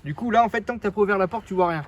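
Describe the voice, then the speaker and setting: A man's voice: high-pitched, racing, muffled recording. A young man casually showing off his car outdoors, joking and rambling with lots of fillers. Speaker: car vlogger.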